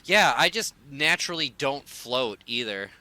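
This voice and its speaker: A man's voice: medium pitch, animated, unhurried, bright, forceful tone. A man streaming a game with casual, irreverent, sarcastic and sweary live commentary.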